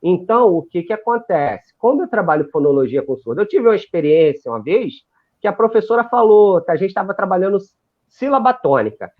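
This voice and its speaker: A man educating deaf students gives an animated, lecturing explanation in a live video call, with frequent restarts. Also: high voice, a little fast. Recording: tinny phone-like live stream audio.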